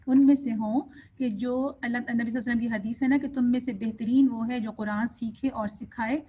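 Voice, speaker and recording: Brief: female tajweed teacher, somewhat high voice, patient, dull lo-fi recording. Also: slightly rough. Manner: patient, demonstrates wrong and right pronunciation. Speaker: Quran recitation teacher. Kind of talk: tajweed lesson, explaining and reciting. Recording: dull lo-fi sound.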